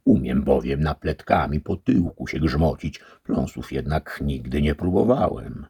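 Guy doing a cheeky loud squire, rough husky voice. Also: extremely low pitch, expressive, a little slow, dry recording, clean studio sound, heavily acted. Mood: teasing. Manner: loud, teasing, laughing. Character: earthy joking squire, blunt and merry.

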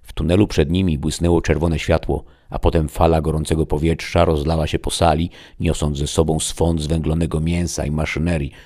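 A man narrating a sci-fi fantasy audiobook in a steady, dramatic storytelling manner. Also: rumbling low, a little fast, few pauses.

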